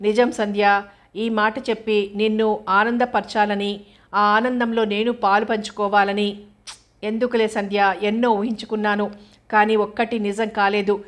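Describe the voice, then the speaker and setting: A woman voicing a troubled young man from an audio novel, earnest and pleading. The delivery stays flat and level, with the pitch barely moving, and the voice sits at a middle height. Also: measured pace, close to an everyday voice. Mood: sorrowful.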